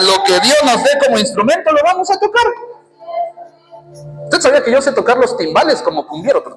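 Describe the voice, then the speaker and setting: A man's voice: high voice, bright, forceful tone, poor audio. A Mexican man with a Mexican accent preaching a fiery, humorous sermon to his church congregation, often calling out to them directly. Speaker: pastor.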